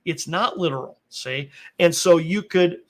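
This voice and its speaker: A man's voice: on the high side, a little slow. A man teaching a Bible passage in a conversational way, checking in with his listeners and carefully qualifying his points. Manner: explains step by step, often checking in with "right?" and "okay?"; cautious, qualifies his claims. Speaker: Bible teacher and podcast host.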